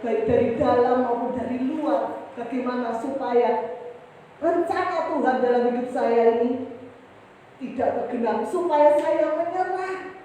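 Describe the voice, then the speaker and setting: A woman's voice: steady tone, measured pace, a little hiss or hum. Impassioned woman pastor preaching in echoey hall. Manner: impassioned, rises high and loud when quoting her prayers; repeatedly addresses the congregation directly. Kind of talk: sermon with personal testimony. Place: church hall. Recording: echoey church hall, mic at a distance.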